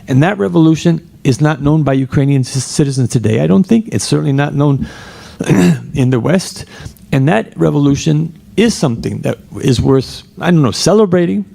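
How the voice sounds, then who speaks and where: A man's voice: fairly high pitch, animated, normal speed, gravelly, mellow. A man speaking as a scholar on a panel discussion, emphatic and argumentative, often restarting his sentences.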